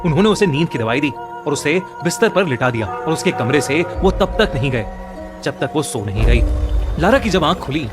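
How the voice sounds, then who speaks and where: A man's voice: a little high, very animated, normal speed. A man narrating a scripted horror story in a dramatic storytelling manner. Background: music.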